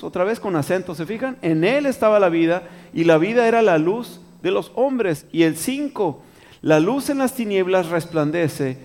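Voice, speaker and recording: Man, preacher, somewhat high-pitched, casual sermon, reads scripture aloud, asks the listeners questions. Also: darkish tone, big-room sound. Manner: conversational, repeats and restarts, asks the listeners questions. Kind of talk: Bible study sermon.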